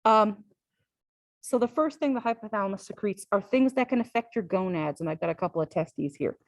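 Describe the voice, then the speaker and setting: A woman gives a physiology lecture to a class in a relaxed, conversational way, often pausing to ask "all right?". Her voice sits at a middle pitch, and the recording is dry and close with no room echo. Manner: conversational and repetitive, with frequent "all right?" check-ins.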